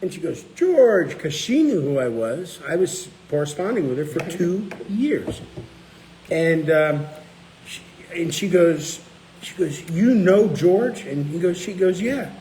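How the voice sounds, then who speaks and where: A man's voice: fairly high pitch, a little slow, slight background noise, poor audio. A middle-aged man hosting a casual chat, telling stories and acting out the people he quotes. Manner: animated, acts out quoted people. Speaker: cookbook author and channel host.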